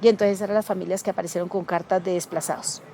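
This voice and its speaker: Animated Colombian woman telling stories. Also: fairly low pitch, quick pace, a little hiss or hum. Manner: animated, acts out quoted dialogue. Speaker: community leader. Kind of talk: interview storytelling.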